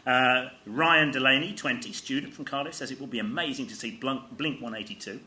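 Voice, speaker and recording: A man's voice: medium pitch, fairly quick, bright, forceful tone. A man co-hosting a live comedy podcast, dryly reading out newspaper items with wry asides. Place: live stage show before an audience.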